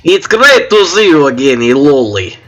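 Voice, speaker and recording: A man's voice: on the high side, sing-song, moderate pace, fairly bright tone. A man voicing a sweet, confident schoolgirl from a visual novel game, in a raised girlish voice.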